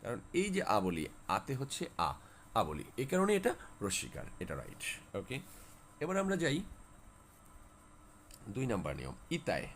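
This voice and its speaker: Lively-voiced man teaching spelling rules. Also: on the low side, normal speed, pauses often, a little hiss or hum. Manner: repeats key words, asks and answers his own questions. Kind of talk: spelling lesson for exam students.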